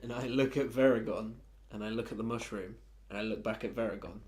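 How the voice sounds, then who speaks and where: A man's voice: on the low side, fairly even intonation, brisk, a little mellow. A man playing a tabletop game, jokey, acting out his character's lines. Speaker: player. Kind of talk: tabletop role-play banter.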